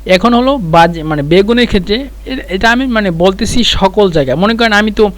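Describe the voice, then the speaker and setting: High-voiced man teaching Arabic phrases. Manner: repeats phrases slowly, explains word by word. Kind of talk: spoken language lesson.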